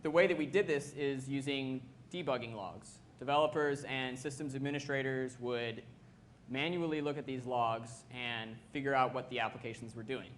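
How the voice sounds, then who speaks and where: A man's voice: medium pitch, moderate pace, fairly bright tone, slight background noise. A man giving an explanatory technical presentation as a systems administrator.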